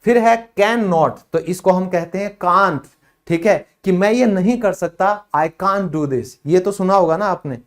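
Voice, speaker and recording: A man with a high voice, a native Hindi speaker with an Indian accent, runs a spoken English class. He gives explanations in Hindi and slowly voices brief English phrases.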